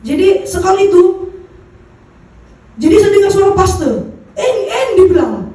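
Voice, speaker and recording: High mellow-voiced woman telling her church testimony, halting, far off in a super echoey hall. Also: animated. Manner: earnest, halting, with restarts and repeats. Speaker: church member giving testimony. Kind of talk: personal testimony at a church service.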